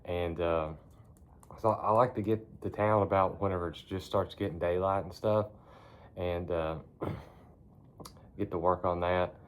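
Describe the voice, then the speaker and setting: A man's voice: low-pitched, fairly even intonation, a little slow, long pauses, smooth. A man chatting casually to his phone in a barn, rambling in a laid-back, folksy way with casual cursing. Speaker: vlogger. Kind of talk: casual rambling chat to camera.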